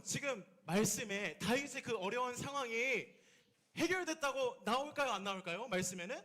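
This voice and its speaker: A young man delivers a children's sermon in an animated way, turning again and again to the kids with questions. His voice sits very high and swings widely in pitch. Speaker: children's ministry preacher.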